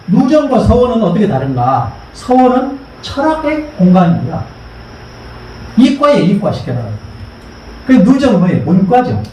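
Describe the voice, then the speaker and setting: A man's voice: high voice, mellow, muffled recording, slight background noise. A middle-aged man giving a history lecture to an audience, asking them questions and having them repeat terms aloud. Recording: echoey hall recorded from far off.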